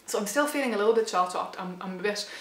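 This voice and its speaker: A woman of about thirty, a channel host, reflects in a personal vlog, speaking thoughtfully but haltingly with many restarts and fillers. Her mid-pitched voice is slightly hoarse and worn, and the room echo is noticeable.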